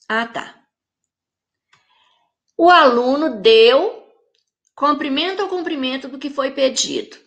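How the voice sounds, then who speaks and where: Here a woman teaches children grammar on a recording, her Brazilian Portuguese accent clear as she explains patiently and slowly. The voice is high-pitched and a bit bright.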